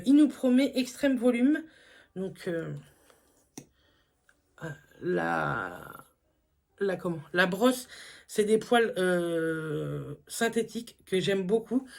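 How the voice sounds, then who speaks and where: A woman, chatting casually through a beauty haul, full of fillers and enthusiastic asides. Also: on the high side. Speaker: beauty vlogger.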